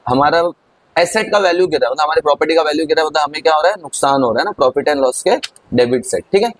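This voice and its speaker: A man's voice: on the high side, fast talker, rough recording. A man teaching an accounting lesson in a chatty way, talking straight to his students as he works through a problem. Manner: chatty, addresses students as kids. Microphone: recorded over on-screen writing.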